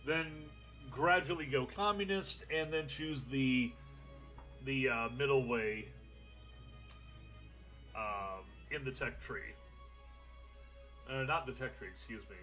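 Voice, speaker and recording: A man's voice: medium pitch, slow pace, long pauses, sharp tone, soft background music. A young man streaming a strategy game, thinking aloud in casual, rambling commentary with the odd swear.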